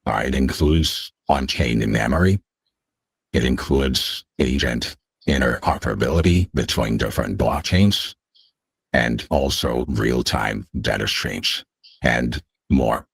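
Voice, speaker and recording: Brief: male guest through voice changer, extremely deep, gravelly and husky, slow and halting. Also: no room sound. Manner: halting, many fillers. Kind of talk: casual chat.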